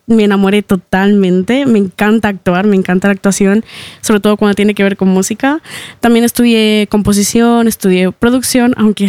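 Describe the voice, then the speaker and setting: A woman's voice: mid-range voice, darkish tone, clean tone, dry recording. A young woman from Ecuador, a singer, talking as a guest in a radio studio interview, chatty, with frequent small laughs and fillers.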